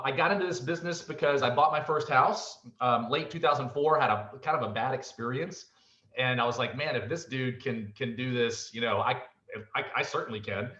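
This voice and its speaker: A man in his forties giving a casual, fast-paced, chatty presentation as a real estate host. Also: fairly high pitch, pushed and bright. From Virginia, United States. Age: 40s. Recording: roomy, dull lo-fi sound.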